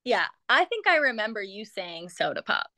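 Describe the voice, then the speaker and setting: A woman's voice: medium pitch, big pitch swings, moderate pace, sharp tone, dry recording. A young woman with a Minnesota accent, chatting playfully as a podcast guest and laughing often.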